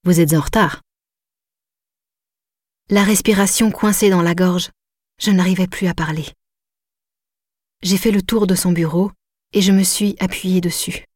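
A woman narrating a novel in the first person, in an intimate, measured way. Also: on the low side, steady tone, darkish tone, no echo, studio quality. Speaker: audiobook narrator.

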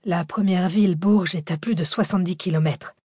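A composed man giving plain facts in a thriller audiobook, voiced by a woman reader. Her voice is on the low side and the recording is dry and close. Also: a little fast, mellow, husky, no echo. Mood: calm. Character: calm, precise older male companion.

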